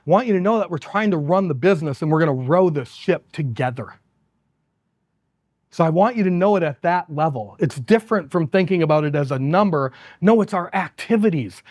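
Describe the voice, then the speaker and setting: A man's voice: high voice, no room sound, clean studio sound. A man giving a conference keynote, telling stories with laughs and acting out the people he quotes. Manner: animated, laughs often, acts out quoted people. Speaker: company executive giving a keynote. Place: conference stage.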